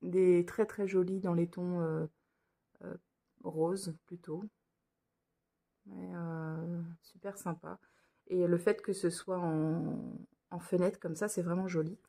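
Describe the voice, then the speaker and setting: Under a lamp indoors, a woman shows off cross-stitch patterns in a casual show-and-tell vlog, speaking hesitantly with lots of fillers and restarts. Her voice sits on the low side and sounds mellow and creaky, with a steady tone, a slow pace and frequent pauses.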